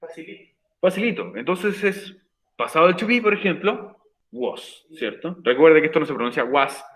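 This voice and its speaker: Emphatic male English teacher, higher voice. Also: sing-song, moderate pace, fairly bright tone, poor audio. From Chile. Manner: patient, repeats points for emphasis. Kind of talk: recorded online class explanation.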